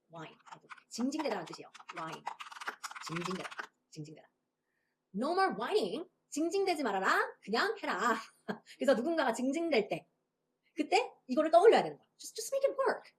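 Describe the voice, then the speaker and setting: Lively woman teaching English basics. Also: high-pitched. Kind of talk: online English lesson for beginners.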